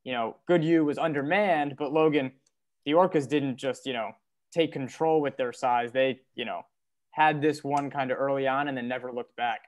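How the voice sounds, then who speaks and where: A man's voice: mid-range voice, steady tone, moderate pace. A young man hosting a casual sports recap show, steering the talk between guests over a video call with earbuds from a dim living room. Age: young adult. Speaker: host. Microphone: earbud headset on video call.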